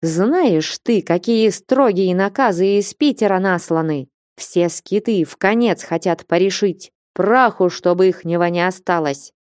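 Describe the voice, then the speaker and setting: A stern old merchant father with a hot temper bellows his commands. A woman voices him in a storybook reading, her tone warm and mellow, close and dry. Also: on the low side, lively intonation, measured pace, few pauses, no room sound. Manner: commanding, blustering, shouting in anger.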